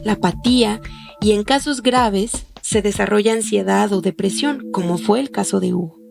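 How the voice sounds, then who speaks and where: A woman hosting a podcast, reading a scripted documentary narration in a measured, explanatory way. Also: medium pitch, creaky. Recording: faint music behind the voice.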